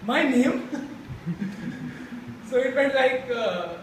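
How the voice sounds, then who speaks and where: A young adult man from India gives a personal speech to a support group in a classroom with a chalkboard, stammering and restarting words. His voice is very high-pitched and animated, with drawn-out words. A far-off camera picks him up, so the room sounds echoey with background noise.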